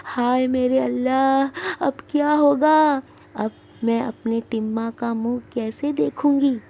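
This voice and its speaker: A woman teacher voicing a panicked young widowed mother who cries out for her son in high, tearful calls. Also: fairly even intonation, slow, highs cut off. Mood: frantic, tearful.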